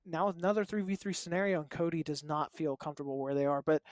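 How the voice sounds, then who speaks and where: A young man casting a college esports match as play-by-play commentator, calling the action quickly with joking asides. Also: on the high side, dry recording. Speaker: esports caster.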